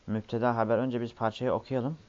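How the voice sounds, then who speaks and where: A man's voice: mid-range voice, little pitch movement, fairly quick, darkish tone. A man teaching a language lesson, explaining and correcting step by step, recorded on an old worn cassette. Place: recorded class session with a board. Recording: muffled, noisy old cassette tape.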